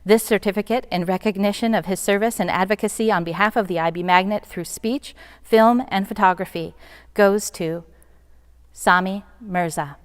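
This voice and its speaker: A woman reading out award citations and recipients at a school ceremony in a measured, formal way. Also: medium pitch, clear, resonant tone, long reverb tail. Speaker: awards presenter. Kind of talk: formal scripted announcement.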